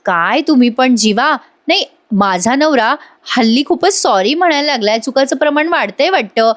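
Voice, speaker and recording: A woman's voice: high voice, lively intonation, brisk. A woman voicing a playful young wife teasing her husband, retelling a TV scene.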